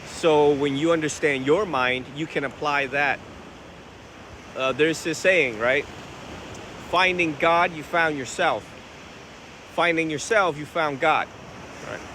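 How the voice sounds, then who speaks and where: A Vietnamese Buddhist monk answers viewers' questions in a casual outdoor Q&A, speaking loosely and conversationally and often asking rhetorical questions. His slightly high male voice sounds pushed and bright, and he talks slowly with long pauses. Recorded on a phone by the ocean, the clip carries plain wind and waves.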